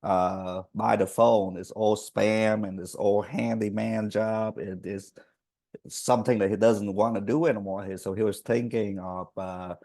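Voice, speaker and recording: Low-voiced, halting male podcast host. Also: flat delivery, gravelly, a little mellow. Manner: halting, with many fillers and restarts, slightly nonstandard grammar. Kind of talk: casual podcast interview.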